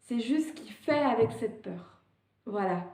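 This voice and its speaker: A woman's voice: fairly high pitch, animated, unhurried, reverberant, background noise. A woman vlogger giving casual advice on climbing fears, often hesitant, with fillers and restarts.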